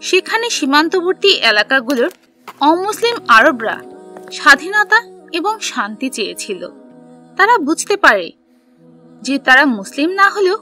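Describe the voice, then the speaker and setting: Using simple, careful phrases, a woman reads a scripted children's history story aloud in a sharp, high-pitched tone.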